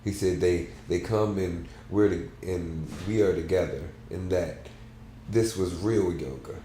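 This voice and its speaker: Deep, slow man reading softly in an echoey room. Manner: soft, halting, measured delivery. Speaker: book club host. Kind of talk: reading a book aloud. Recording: roomy echo, faint background hum.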